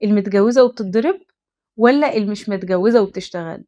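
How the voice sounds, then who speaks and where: Talking fast in a mellow, medium-pitched voice, this young Egyptian woman hosts an advice segment straight to camera, addressing the listener with earnest emphasis in her Egyptian Arabic accent.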